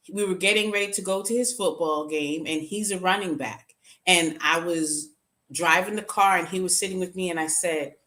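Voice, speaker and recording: A woman's voice: on the low side, sharp tone. A middle-aged woman speaking as an interview guest, telling personal stories in an earnest, reflective way. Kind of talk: conversational interview.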